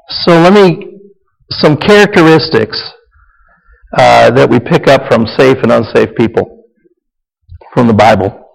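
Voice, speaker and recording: Gravelly preacher in an echoing hall. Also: male voice, mid-range voice. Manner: conversational, repetitive, with asides. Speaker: preacher or Bible teacher. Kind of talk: sermon-style teaching. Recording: echoey hall reverb.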